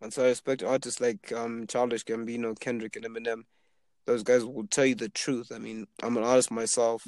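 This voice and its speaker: In a casual chat, the young Zimbabwean man, twenty years old, rambles about being an aspiring rapper with many fillers and a relaxed manner. His voice sits at medium pitch and goes a little fast, with no room sound.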